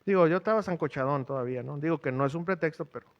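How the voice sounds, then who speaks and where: Brief: middle-aged male preacher, chatty sermon delivery, fairly high voice. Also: racing, dull audio. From Mexico. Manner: conversational preaching, quizzes the congregation with rhetorical questions. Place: church.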